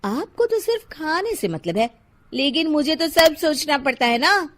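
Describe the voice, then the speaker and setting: A woman voicing a rude, stingy young mother in a cartoon, who scolds loudly. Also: big pitch swings, normal speed. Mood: snapping. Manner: loud, shrill and scolding.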